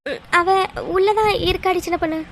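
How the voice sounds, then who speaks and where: A woman's voice: very high voice, normal speed, fairly bright tone. A woman voicing a hesitant, stammering mother. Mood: anxious. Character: worried middle-aged village mother. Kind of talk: cartoon voice acting.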